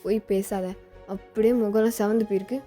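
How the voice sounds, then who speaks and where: A woman doing a bold, protective teen boyfriend who teases and reassures. The voice is pulled lower and louder than her own, with a mellow tone. Faint music plays under this fan fiction voice-over. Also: little pitch movement, brisk, natural voice. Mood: teasing. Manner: firm, protective, teasing.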